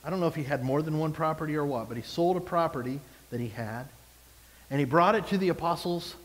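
A man's voice: fairly high pitch, fast, big-room sound, low-quality recording. A male pastor giving a sermon, preaching expressively and asking the congregation rhetorical questions.

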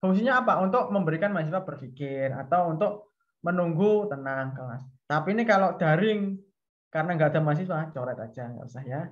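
A man's voice: fairly high pitch, lively intonation, brisk. A man with an Indonesian accent, a lecturer giving a chatty online session on teaching tips, explaining step by step and acting out examples. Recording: dull lo-fi video call audio.

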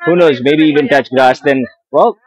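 A man's voice: a little high, moderate pace. A man talking casually while walking, recorded through a wireless earbud mic in a busy public place. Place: busy outdoor market and traffic tunnel. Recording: muffled earbud mic with street noise.

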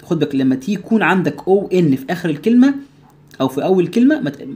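A fast-talking man with an Egyptian Arabic accent gives an English lesson. He asks himself the questions his students would ask and answers them. He drills each word by saying it slowly again and again. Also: sits high, very animated, dark tone. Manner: repeats English words slowly to drill pronunciation. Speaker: English teacher. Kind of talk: recorded classroom lesson.

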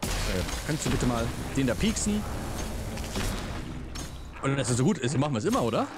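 A man's voice: medium pitch, big pitch swings, moderate pace, very noisy. A man playing a co-op video game with a friend, joking playfully and tripping over his words. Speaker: let's play gamer. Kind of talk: casual co-op gaming chat.

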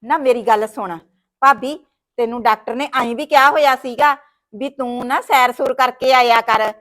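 A worried, theatrical sister-in-law with a high voice and a Punjabi accent, given to wailing and nagging advice. The acting is plain and homely, in the way of a village short film, with a woman playing her. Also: moderate pace, fairly bright tone, natural voice. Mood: fretful. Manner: dramatic wailing, scolding. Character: fretful sister-in-law caring for her brother's wife.

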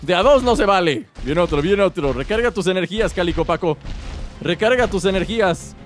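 High-voiced man yelling through gameplay. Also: lively intonation, brisk, faint music behind. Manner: loud hype shouting at kills. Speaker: gamer host. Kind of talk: excited multiplayer gaming chat.

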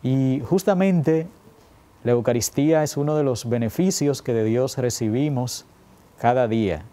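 Male priest, calm reflective homily, mellow voice. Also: medium pitch, measured pace. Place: chapel altar.

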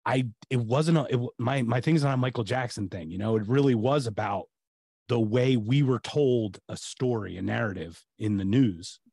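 A middle-aged American podcast host joins a casual interview chat over a video call from a room at home. His mid-range voice is mellow and husky with vocal fry, and he talks at a moderate pace, rambling with many restarts and fillers. The audio is dry, with no room sound.

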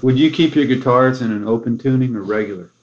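Speaking quickly in a mid-range voice, this American man interviews as a music journalist. He asks questions casually, with curiosity and attention, and the interview tape sounds muffled.

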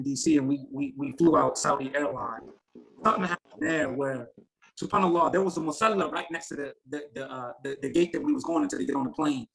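A man in a casual group chat about a pilgrimage, animated and repeating words as he gets excited. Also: on the high side, gravelly, rough recording. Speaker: podcast panelist.

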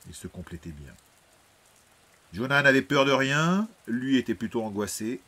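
A man reading an audiobook in measured, dramatic scripted narration. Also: medium pitch, lively intonation, sharp tone.

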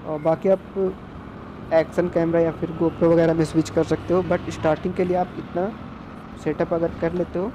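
Speaking at normal speed, a young Indian man with a fairly high pitch and little pitch movement narrates a casual moto vlog. He's on a scooter in outdoor road traffic, recording with a phone on his helmet chin mount, chatting, rambling, and repeating himself.

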